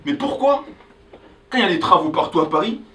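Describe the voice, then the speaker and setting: A young man from Angola doing a stand-up comedy set on a club stage, loudly hyping the crowd between jokes. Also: high voice, brisk, recorded from a distance, a little hiss or hum, low-quality recording. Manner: animated, hyping the crowd with loud calls. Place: comedy club stage before a live audience.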